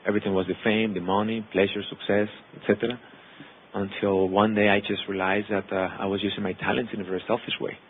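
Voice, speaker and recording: This Mexican-accented actor and producer, a Spanish-native man in his thirties from Mexico, speaks fast to an audience in a fairly low voice with little pitch movement. His testimony is earnest and personal, full of long runs of listed words. The tinny, phone-like recording carries a little hiss or hum.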